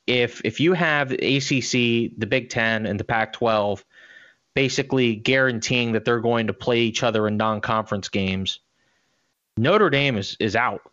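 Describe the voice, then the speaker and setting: Podcast co-host, man, 30s, blunt and opinionated, slightly low voice, dry muffled recording. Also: a bit bright, dry recording. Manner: opinionated, blunt, restarts a lot. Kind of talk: casual sports talk.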